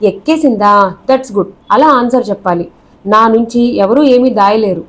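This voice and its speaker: A nosy, self-important bus conductor who grills passengers like a detective, as a woman narrator puts him on. The voice stays fairly high and pompous in an audiobook of a novel. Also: a little slow. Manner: suspicious, pompous questioning.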